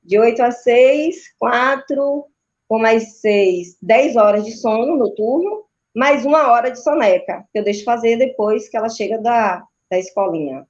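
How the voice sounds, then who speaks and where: A woman's voice: on the high side, a little slow. A woman with a Brazilian Portuguese accent, a sleep consultant giving didactic answers in an interview and often checking in with tag questions. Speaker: maternal and child sleep consultant. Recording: dull, lo-fi video call audio.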